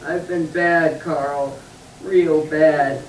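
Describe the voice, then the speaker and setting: A woman voices a small, sulky boy puppet who whines, sniffles, and cries in bursts through his confession, her voice sitting low with fairly even intonation and drawn-out words. The mic is distant, so the sound rings around an echoey room over a faint hiss, with the plain feel of a church puppet show.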